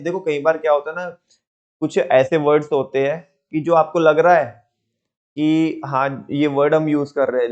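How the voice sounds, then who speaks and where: A man teaching a class in a relaxed, conversational way, often checking that students follow. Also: on the high side, lo-fi sound. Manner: conversational, with frequent rhetorical check-ins. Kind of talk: classroom lecture.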